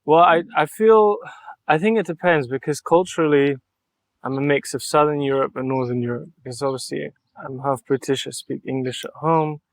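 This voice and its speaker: A young adult man from Mallorca, Spain, an artist, is being interviewed on a podcast in a relaxed conversation. His voice is on the high side and his speed normal, and he thinks aloud earnestly and reflectively in long, flowing sentences.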